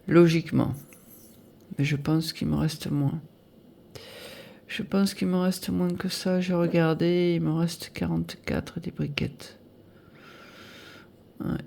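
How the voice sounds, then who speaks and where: A woman in her fifties talking casually to camera through her weekly budget, a bit nasal, chatty and hesitant, filling pauses while she adds up sums aloud. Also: on the low side, vocal fry, darkish tone, slight background noise. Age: 50s. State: nasal from air conditioning. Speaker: budget vlogger.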